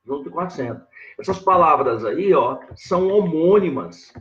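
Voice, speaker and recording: A man teaching grammar in a live online lesson, talking slowly and repeating himself as he points things out on a board. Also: fairly high pitch, expressive, a bit bright, highs cut off. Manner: slow and repetitive, constantly saying "ó" and "olha lá" while writing on a board.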